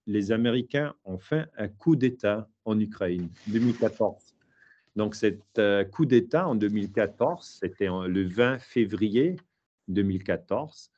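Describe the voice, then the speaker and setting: This middle-aged man, a historian with a Swiss German accent, fields interview questions from his home study, hesitating often and restarting with plenty of fillers. The audio is dull, and his voice is on the low side with a darkish tone.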